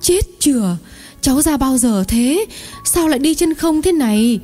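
A man's voice: very high-pitched, animated, measured pace, dark tone, slightly rough, faint music behind, pitched above the performer's own voice, heavily acted. A man voicing a fussy, talkative elderly aunt in an audiobook, exclaiming and clucking with sympathy. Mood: shocked. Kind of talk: audiobook narration.

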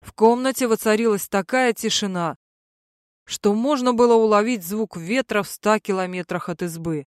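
A woman's voice: medium pitch, moderate pace, no room sound, studio quality. A woman reading a first-person comic novel aloud in a wry, mocking storytelling manner. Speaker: audiobook narrator.

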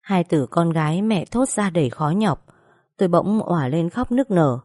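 Low-voiced woman narrating somberly. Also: lively intonation, dark tone, no echo, clean studio sound. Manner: somber, measured storytelling. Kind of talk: scripted audiobook narration.

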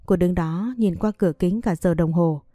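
A woman narrating a scripted story in a calm, even way. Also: lowish voice, normal speed, no room sound, studio quality.

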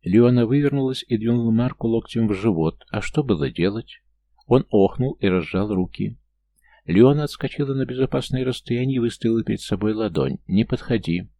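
A man narrating an audiobook in a steady storytelling manner. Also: mid-range voice, a little fast, vocal fry.

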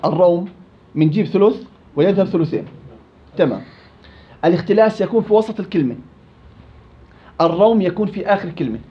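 A man teaching a class on Quran recitation rules, repeating and contrasting each rule to drill it into his students. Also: high voice. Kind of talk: classroom tajweed lesson. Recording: muffled lo-fi recording.

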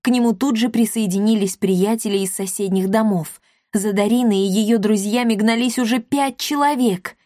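Brief: woman audiobook narrator, expressive storybook reading, mid pitch, dry close-miked sound. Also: normal speed, no echo.

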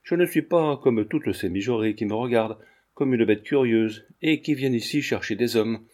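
A man's voice: mid-range voice, moderate pace, darkish tone, natural voice. A man reading a streetwise, saucy young woman fortune-teller in an audiobook, in a slightly raised voice.

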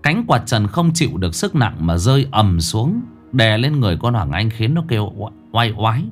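A man narrating a ghost story in a dramatic, expressive way. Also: lowish voice, moderate pace, soft background music.

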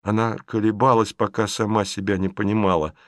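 A man narrating a classic novel as an audiobook, in a measured storytelling manner. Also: fairly low pitch, flat delivery, dry recording, studio quality.

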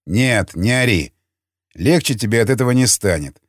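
A man voicing a calm, commanding seasoned scavenger who speaks tersely and bluntly. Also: medium pitch, normal speed, no room sound, clean studio sound, lightly acted. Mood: stern. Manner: terse, blunt, matter-of-fact.

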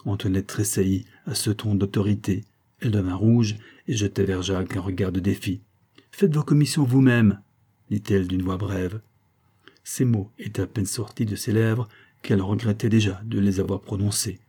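A man reading a classic novel aloud in measured, even storytelling. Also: lowish voice, slightly rough. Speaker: audiobook reader. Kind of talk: scripted narration of a classic novel.

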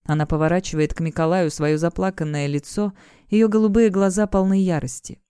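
Warm, mellow-voiced woman reading a novel. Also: lowish voice, brisk, clear, resonant tone, dry recording, studio quality. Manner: acts out the shouting parents and lovers in her own voice. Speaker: audiobook narrator. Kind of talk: first-person audiobook narration.

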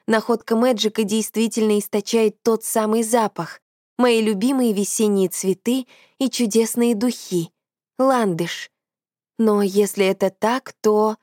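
A woman reading a first-person novel aloud, lively and dramatic. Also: a little high, no echo, clean studio sound. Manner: lively, dramatic character voicing. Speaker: audiobook narrator.

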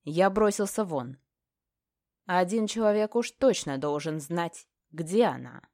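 A woman's voice: on the low side, animated, a little slow, darkish tone, dry recording. A woman narrating a first-person fantasy audiobook in a tense, dramatic storytelling manner, close to the mic.

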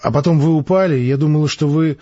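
Man doing a high girlish young woman, meek and adoring, dazed and halting, husky tone, slightly dull recording. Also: dark tone, close to an everyday voice.

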